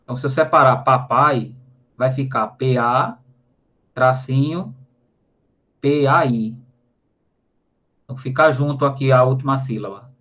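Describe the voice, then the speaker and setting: This Brazilian man's voice is medium in pitch and fairly bright, delivered at a measured pace with long pauses. Teaching grammar in a recorded online lesson with a Brazilian Portuguese accent, he often spells out syllables and adds tag questions. The recording sounds slightly dull and lo-fi.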